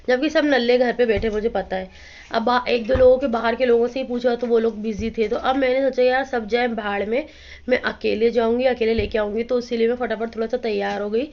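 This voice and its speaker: A woman in her thirties with a hoarse voice, chatting casually to viewers in a home vlog. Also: a little high. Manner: chatty, addresses viewers directly. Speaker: vlogger. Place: at home, indoors. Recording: slightly dull lo-fi phone audio with faint noise.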